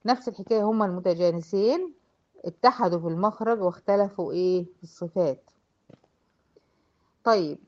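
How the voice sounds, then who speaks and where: A woman with an Egyptian accent teaching a tajweed lesson. She asks questions and answers them herself, and slows down to model recitation. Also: mid-range voice, a little mellow. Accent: Egyptian Arabic. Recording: dull lo-fi recording.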